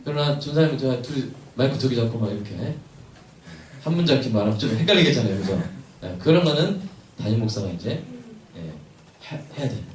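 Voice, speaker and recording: Pastor preaching in an echoey church. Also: male voice, mid-range voice, animated, fairly quick. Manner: conversational, asks the congregation questions. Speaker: senior pastor. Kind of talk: Sunday sermon with prayer. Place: church sanctuary. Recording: echoey hall, mic at a distance, faint hiss.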